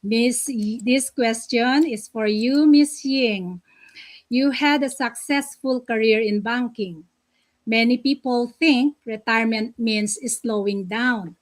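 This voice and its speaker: A woman hosting an online panel, introducing guests and reading out questions with frequent pauses and fillers. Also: on the high side, dry recording. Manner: hesitant, many fillers. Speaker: host.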